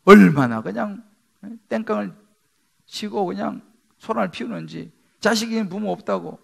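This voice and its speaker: A male pastor preaching a sermon emphatically, swinging between loud rises and hushed near-whispers. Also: sits high, vocal fry, husky. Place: church sanctuary.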